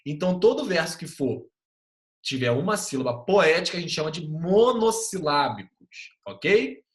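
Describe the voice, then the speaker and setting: A man teaching an online class in a lively way, often checking in with quick tag questions. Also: on the high side, roomy sound.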